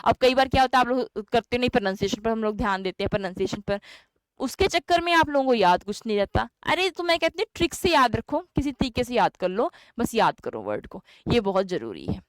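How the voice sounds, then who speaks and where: Young Indian woman, English teacher, exam prep lesson, asks and answers her own questions, slightly high voice. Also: very animated, fast, dry recording.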